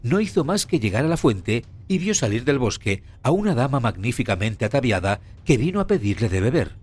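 A man narrating a fairy tale with an expressive storytelling cadence. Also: mid-range voice, a little fast, slightly rough. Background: faint music.

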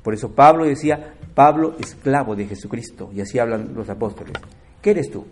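A man preaching a sermon, shifting between loud emphatic lines and quiet asides and often asking his listeners direct questions. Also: mid-range voice, expressive, brisk.

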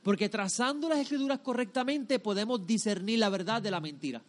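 Speaking fairly quickly in a high voice, this man teaches a group a religious lesson much like a sermon. He drives his points home with repeated phrases and rhetorical questions, in a firm, instructive manner.

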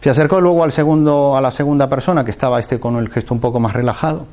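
A man's voice: medium pitch, fast, darkish tone. A man from giving a reflective talk, thinking aloud with fillers and restarts as he tells a short parable. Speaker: speaker giving a motivational talk.

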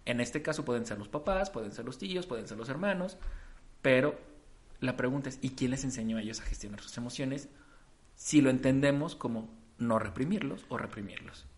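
A man's voice: medium pitch, animated, brisk. Mexican guy psychologist on a podcast, explains stuff, acts out what people say. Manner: explanatory, acts out quoted phrases. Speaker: psychologist guest. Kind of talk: casual panel talk.

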